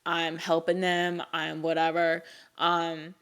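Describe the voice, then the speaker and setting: A woman's voice: lowish voice, completely flat delivery, takes it slowly, fairly bright tone, smooth. A young woman co-hosting a podcast, chatting casually with lots of fillers and laughs. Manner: rambling, filler-heavy, laughs often. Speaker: podcast co-host. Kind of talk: casual chat.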